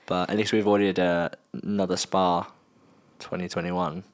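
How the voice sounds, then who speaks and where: A man's voice: deep voice, little pitch movement, moderate pace, smooth. A young man from the South of England co-hosting a casual sports podcast, joking and laughing as he chats. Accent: Southern English. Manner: jokey, laughs a lot, trails off mid-thought. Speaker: podcast co-host. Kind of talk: casual chat.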